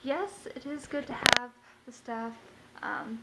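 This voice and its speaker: A woman's voice: fairly high pitch, takes it slowly. A young woman talking casually in a rambling vlog monologue from her kitchen at home, full of fillers. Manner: rambling, chatty, many fillers. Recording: noisy home recording.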